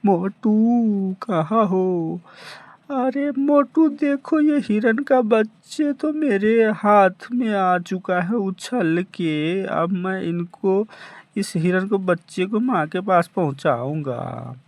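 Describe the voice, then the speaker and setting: A man's voice: high voice, slow pace, creaky, darkish tone, no echo, heavily acted. A man voicing a thin, sensible, worried adult cartoon sidekick in an amateur cartoon dub, repeating his warnings.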